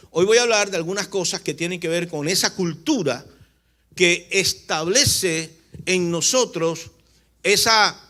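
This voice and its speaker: Emphatic and repetitive, a male preacher, an apostle from Barranquilla with a Colombian Caribbean accent, teaches through a sermon while firing rhetorical questions at his listeners. His voice is high and a little bright.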